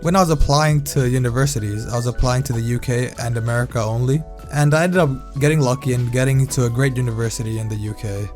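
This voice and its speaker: A young man from Thailand talks in a relaxed, conversational way, telling a personal story as he plays a game. His voice sits at an ordinary middle pitch, and soft background music plays under him. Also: quick pace, few pauses. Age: young adult. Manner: relaxed, candid, conversational, reacts loudly during gameplay. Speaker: vlogger. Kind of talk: casual storytime narration over gameplay.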